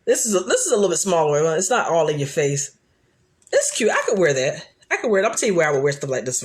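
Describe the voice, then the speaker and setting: Loud, laughing woman chatting live. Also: lowish voice, fast. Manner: chatty and animated, frequent restarts. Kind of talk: casual live chat.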